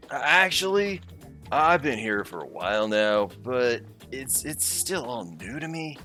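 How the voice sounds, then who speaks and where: A man voicing a young male newcomer to Japan with a relaxed surfer drawl, reading game dialogue aloud. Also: medium pitch, a little slow, soft background music, pitched above the performer's own voice. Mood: earnest.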